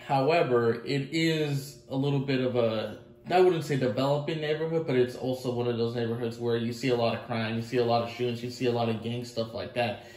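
Fast-talking male interviewer, roomy sound. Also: mid-range voice, fairly even intonation, darkish tone. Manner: quick, leading questions. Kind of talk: interview questions.

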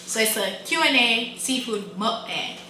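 A young woman with a fairly high voice chats in a relaxed, slangy way as she co-hosts a food vlog. She sits back from the mic in an echoey room. There is a steady noise behind her. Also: a little slow, recorded from a distance. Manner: laid-back, slangy, draws out words. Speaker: vlog co-host. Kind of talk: casual chat.

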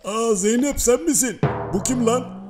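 A man's voice: extremely high pitch, measured pace. A man voicing a grumpy cursing pet. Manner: grumbling, startled, crude insults. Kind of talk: comic dubbing of funny videos. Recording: music behind.

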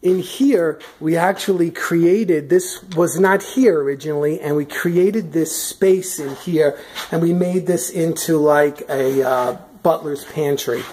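A woman with a deep, dark voice gives a relaxed house tour as a vlogger, a touch slow, with a little hiss or hum on the recording. She holds the camera off screen and chats her way through the large furnished rooms, restarting often and using lots of fillers.

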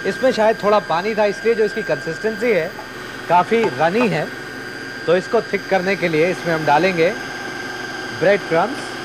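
A high-pitched man in his thirties, speaking at normal speed, talks to the camera while cooking on a TV studio kitchen set. He explains each step in this scripted cooking demonstration, with background noise audible.

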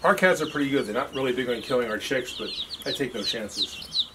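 Brisk and lively in intonation, a medium-pitched farmer casually demonstrates a task for a how-to video, speaking plainly and folksily without a script. The outdoor farm setting has a concrete patio and pens, with loud chirping birds, clucking and clicks making it noisy.

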